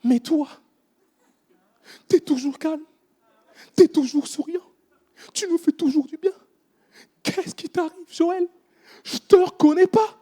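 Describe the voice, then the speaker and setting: A man preaching and voicing a gentle female restaurant manager who gently confronts a worker. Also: very high voice, sing-song, drawn-out words, long pauses, breathy edge, full character voice. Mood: concerned.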